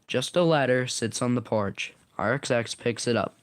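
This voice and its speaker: A man's voice: mid-range voice, normal speed, no room sound. A man reading his own story aloud in a casual way, sometimes stumbling and correcting himself.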